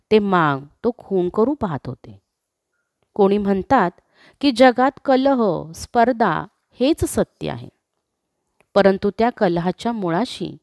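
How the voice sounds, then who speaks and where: A woman narrating a classic story in a slow, expressive reading. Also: mid-range voice, no echo, clean studio sound.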